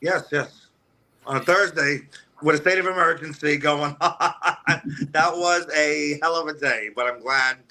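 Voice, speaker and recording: A man with a sharp, bright tone talks as a guest on a radio show. He rambles, restarts his sentences, and leans on "you know" as he praises and sizes up wrestlers. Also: on the high side, unhurried. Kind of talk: casual interview talk. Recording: remote call audio.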